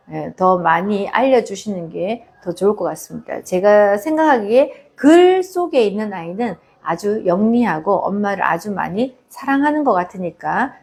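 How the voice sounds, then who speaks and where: A middle-aged woman counseling parents on a live stream, calmly explaining and reassuring, often acting out what a mother might say. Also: mid-range voice. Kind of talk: live parenting advice stream, reading viewer questions.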